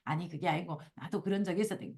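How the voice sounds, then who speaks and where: A woman's voice: fairly low pitch, quick pace. A woman hosting a casual book discussion, reading passages aloud and acting out quoted complaints. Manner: animated, acts out quoted complaints in a raised voice. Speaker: book club host.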